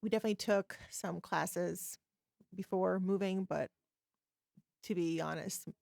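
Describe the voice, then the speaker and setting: A middle-aged woman from Poland speaks as a podcast guest, hesitant and full of ums as she tells stories. Her voice is fairly low with a gravelly rasp, recorded dry. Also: fairly even intonation, measured pace, darkish tone, no echo. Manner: hesitant, frequent ums, storytelling. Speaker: forensic psychologist guest. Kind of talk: casual interview chat.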